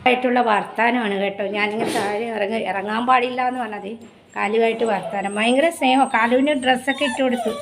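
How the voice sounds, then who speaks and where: A woman chatting casually to her viewers about her home chores, often cooing to her pet dog in a high sing-song voice. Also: fairly even intonation, fairly quick, background noise. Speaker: vlogger. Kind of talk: casual home vlog chat.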